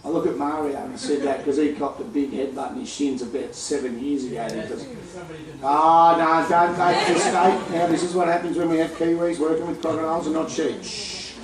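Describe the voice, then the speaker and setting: A high-voiced Australian man cracks jokes and banters with a live crowd at a crocodile feeding show. He is heard from a distance, with an echoey ring around his voice. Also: fairly even intonation, fast, few pauses. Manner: jokey, teasing banter with the audience. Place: outdoor crocodile farm show area.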